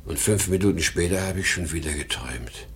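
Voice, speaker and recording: A man with a low, fairly everyday-sounding voice speaks fairly quickly as an aging salesman in his sixties, tired, rambling, proud, and unpredictable. The scene comes from a 1950 German radio drama with plenty of noise, and his mood is dreamy and troubled, punctuated by boastful outbursts.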